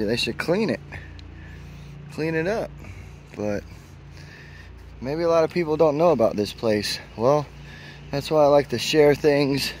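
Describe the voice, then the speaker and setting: Walking through a spring park with a handheld camera, a travel vlogger narrates a casual tour and exclaims at what he finds. His voice is medium-pitched with a darkish tone, and a little hiss or hum runs through the recording.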